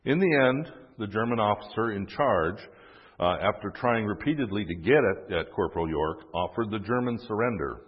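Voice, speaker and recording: A man with a low, husky voice tells a history story casually, with fillers and wry asides. The recording sounds dull and echoey, as if in a hall. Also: lively intonation, moderate pace.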